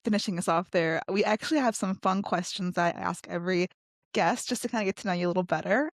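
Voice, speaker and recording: A woman's voice: on the low side, no room sound, studio quality. A woman hosting an interview, upbeat and affirming, chatting casually with her guest. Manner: upbeat, affirming, quick asides. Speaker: host.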